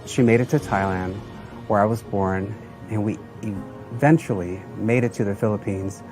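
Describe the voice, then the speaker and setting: Against background music, a man with a fairly low voice speaks at a normal speed, giving an earnest personal testimonial. He comes from Southeast Asia and the United States and tells his story plainly in short phrases.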